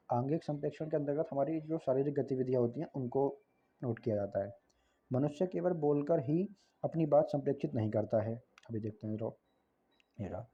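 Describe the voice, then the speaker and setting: A man's voice: medium pitch, dark tone. Casual Hindi tutor man, lo-fi recording. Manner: conversational, frequent tag questions and self-corrections. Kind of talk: casual explanatory lesson.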